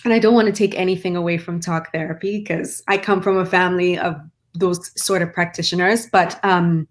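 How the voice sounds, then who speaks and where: Brisk and lowish, with fairly steady intonation, the voice belongs to a middle-aged Trinidadian-accented woman from Trinidad and Tobago. A mental performance coach appearing as an interview guest, she gives earnest, explanatory answers peppered with "like" and "right?"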